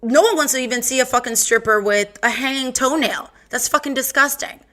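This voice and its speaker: A woman's voice: high voice, fairly quick, sharp tone. A young adult woman with a Valley Girl accent hosting a podcast, talking in a sassy, profane, sing-song way and slipping into playful quoted voices. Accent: Californian Valley Girl. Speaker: podcast host. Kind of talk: casual monologue.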